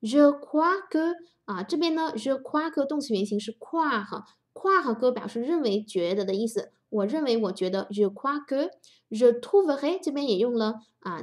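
A woman teaching French grammar in Chinese, explaining each sentence patiently and step by step. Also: on the high side. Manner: patient, adds soft sentence-final particles.

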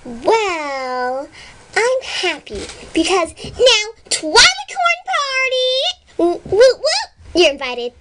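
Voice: very high voice, big pitch swings, takes it slowly, very noisy, heavily acted. A girl voicing a hyper, bubbly female cartoon pony who sings and squeals. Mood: giddy. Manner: sing-song, squealing.

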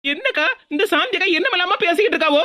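A woman voicing a stubborn young bride-to-be in an animated cartoon, speaking with a Tirunelveli Tamil accent in rapid, protesting bursts. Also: extremely high pitch, exaggerated voice.

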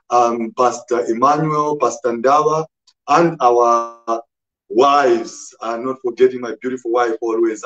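A man preaching a sermon as a pastor, speaking slowly and emphatically and repeating his scripture references. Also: medium pitch, fairly bright tone, poor audio.

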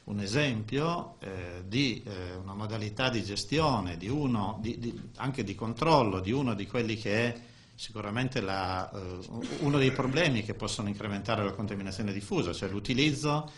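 Low-voiced older man at a conference. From Italy. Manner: halting, with frequent restarts and fillers. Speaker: conference speaker. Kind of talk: technical presentation. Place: conference room, indoors. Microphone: desk microphone.

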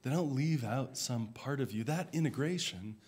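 A man who is a minister, giving a sermon in a reflective, measured way, his voice dropping softly at the ends of phrases. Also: mid-range voice, lively intonation, husky. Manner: slow, reflective, measured delivery.

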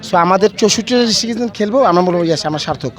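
Fast, high-voiced man in a post-match interview. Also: lively intonation. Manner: earnest, formal, mixes in English words. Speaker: veterans football club player.

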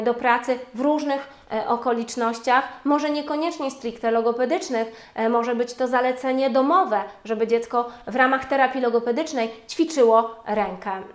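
A woman giving a webinar lecture on speech therapy, formal and measured, with frequent hesitation sounds. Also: high-pitched. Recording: roomy echo.

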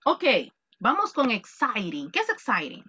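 A woman with a Salvadoran accent teaching an online English class, lively and joking as she quizzes her students. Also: a little high, a little slow, husky, lo-fi sound. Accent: Salvadoran Spanish.

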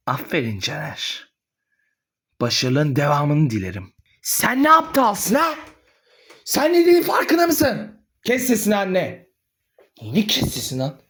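Brief: performer voicing a sharp-tongued cartoon mother, husky, swinging pitch, always scolding. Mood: angry scolding. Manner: scolding, cursing, quick to rage. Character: sharp-tongued middle-aged mother, quarrelsome. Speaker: voice actor in amateur animated drama. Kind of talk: animated drama voice acting.

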